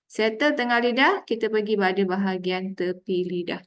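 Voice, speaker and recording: A woman with a Malaysian Malay accent gives a tajwid lesson in a mid-pitched voice. She explains patiently and drags out each letter sound slowly so that learners can copy it. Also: expressive. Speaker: Quran recitation teacher.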